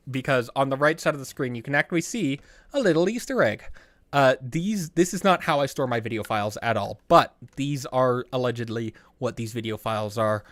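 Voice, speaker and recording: A man's voice: mid-range voice, no echo. Rambling man with a dry, close sound. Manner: rambling, trailing off and restarting, with bursts of excitement. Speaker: YouTuber commenting on his own videos. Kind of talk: casual behind-the-scenes commentary.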